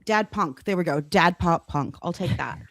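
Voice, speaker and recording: A woman's voice: fairly low pitch, normal speed, fairly bright tone, no room sound, clean studio sound. A woman co-hosting a music podcast, chatting casually and playfully and laughing easily. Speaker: podcast co-host. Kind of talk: casual chat about music.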